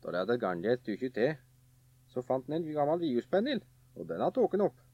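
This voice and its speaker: A man narrating a folk tale in a lively, animated way. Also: mid-range voice, vocal fry, slightly rough, no echo. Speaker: storyteller. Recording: dull, dry recording.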